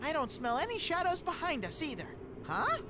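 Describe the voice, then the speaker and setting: A vain, childlike bear mascot from a game, with a high boyish voice that swoops dramatically. Loud noise sits behind the excitable delivery. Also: female voice, moderate pace. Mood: puzzled. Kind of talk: video game voice acting.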